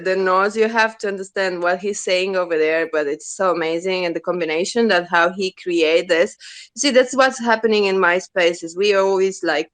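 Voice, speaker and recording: A woman from Rome with an Italian accent, hosting a live audio space with effusive, excited chat and frequent laughter. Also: fairly low pitch, smooth. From Rome, Italy. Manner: exuberant and effusive, laughs often. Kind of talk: casual chat. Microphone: phone or computer mic on a live audio space.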